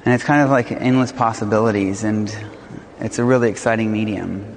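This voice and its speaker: A man's voice: fairly low pitch, steady tone, brisk, slight background noise. A man talking thoughtfully and unscripted as an artist about his work, searching for his phrasing. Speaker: artist, sculptor. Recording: long reverb of large hall.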